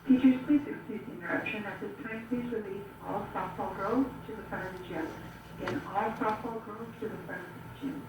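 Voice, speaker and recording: A woman making a brisk, formal announcement over a school intercom, heard through a classroom loudspeaker. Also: medium pitch, steady tone, a little hiss or hum, rough recording. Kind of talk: public address announcement.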